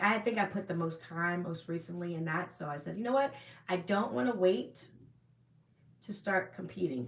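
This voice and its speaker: In an echoey room, a woman hosts a casual livestream, rambling in a friendly way as she answers her viewers. Her voice sits low and has a gravelly texture.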